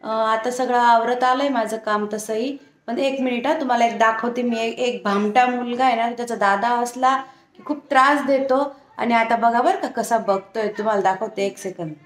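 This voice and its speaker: A woman's voice: on the high side, fairly even intonation, moderate pace, roomy sound. A woman vlogging casually at home, talking to viewers and playfully coaxing a small child.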